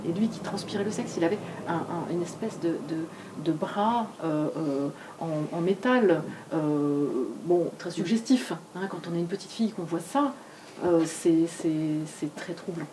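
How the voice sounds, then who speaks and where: Woman, 40s, author guest at a bookshop talk, halting, mellow low voice, mic set far off. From grew up in Argentina and France. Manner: hesitant, many fillers and restarts. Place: bookshop event. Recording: distant mic, faint room noise.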